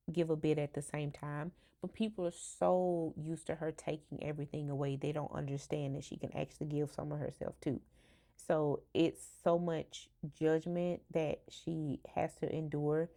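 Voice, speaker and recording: A woman's voice: deep voice, gravelly, a little mellow. A woman from Alabama with a Southern accent, chatting casually and rambling about books in her vlog. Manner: chatty, rambling, with fillers and restarts. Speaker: book vlogger. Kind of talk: casual chat.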